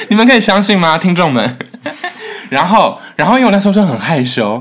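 A man's voice: sits high, normal speed, crowd noise. A young man co-hosting a podcast, chatting casually and telling stories with lots of laughter. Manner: animated storytelling, laughs often. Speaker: podcast co-host, singer-songwriter. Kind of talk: casual chat.

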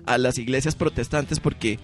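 A man's voice: medium pitch, moderate pace, soft background music. A young man with a Costa Rican accent, co-hosting a podcast and riffing on absurd ideas in a dry, joking way, with plenty of slang. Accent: Costa Rican Spanish. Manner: deadpan absurd riffing, heavy use of slang filler 'mae'. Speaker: podcast co-host. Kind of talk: casual comedic chat.

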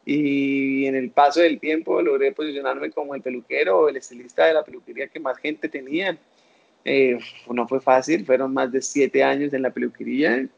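Gravelly young Colombian man telling his story. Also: medium pitch, normal speed, highs cut off. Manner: animated storyteller who acts out quoted voices. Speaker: guest. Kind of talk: personal life story in an interview.

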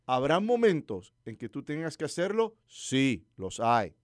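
A male preacher who delivers his sermon like a lively conversation. His pitch rises and falls with a lot of movement, and he keeps turning to the listener with questions. The recording is close and dry, with hardly any room sound. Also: measured pace, no echo. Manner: animated storytelling preacher, asks listeners questions.

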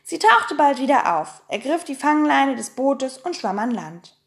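Expressive high-voiced woman reading a story. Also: measured pace, vocal fry, reverberant. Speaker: narrator. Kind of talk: audiobook reading.

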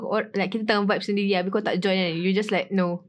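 A woman's voice: mid-range voice, little pitch movement, fast talker, over a noisy crowd. Slangy Singaporean woman chatting bluntly. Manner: code-switching, slangy, blunt. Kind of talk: casual group chat.

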